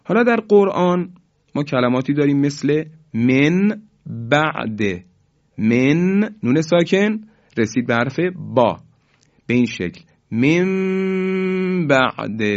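A man teaching Quran recitation rules to listeners, explaining patiently and slowly drawing out the example words as he recites them. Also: mid-range voice, a little mellow, muffled recording. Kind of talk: tajweed lesson for listeners.

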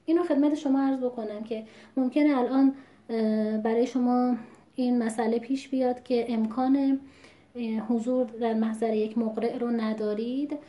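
A woman teaching Quran recitation in a measured, patient lesson, stopping to sound out words as examples. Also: on the high side, fairly even intonation, muffled recording. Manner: measured, patient, demonstrates pronunciations aloud. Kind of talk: explanatory lesson. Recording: echoey room.

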